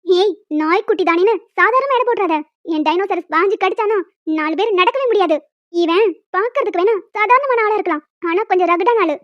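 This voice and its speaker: A woman voicing a bossy old village grandmother in a cartoon, who shouts insults and threats. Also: extremely high pitch, brisk, dry recording, muffled recording. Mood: threatening.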